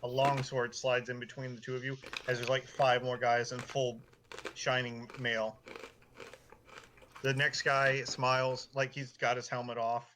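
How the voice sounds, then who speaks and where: Bright-voiced man running a tabletop game. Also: mid-range voice, level tone, a little hiss or hum. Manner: loose, filler-heavy narration with quick character voices. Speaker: dungeon master.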